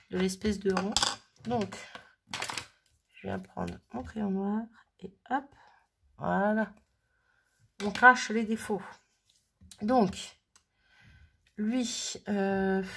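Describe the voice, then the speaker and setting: A woman's voice: medium pitch, vocal fry, a bit bright, a little hiss or hum. A woman casually thinking aloud as she works on a craft project, chatting and muttering to herself at her worktable. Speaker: crafting vlogger.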